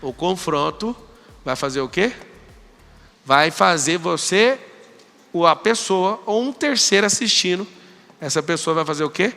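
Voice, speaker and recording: A Brazilian motivational speaker addressing a live audience in a large hall, talking with energy and command and acting out exchanges with students. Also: male voice, sits high, lively intonation, a little slow, gravelly, long pauses, sharp tone. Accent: Brazilian Portuguese.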